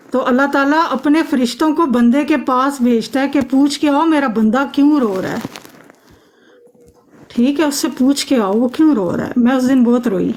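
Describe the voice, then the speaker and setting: A woman's voice: high voice, darkish tone, a little hiss or hum. A woman on a phone live stream arguing emphatically, insisting the other person listen to her. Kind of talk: heated live-stream argument.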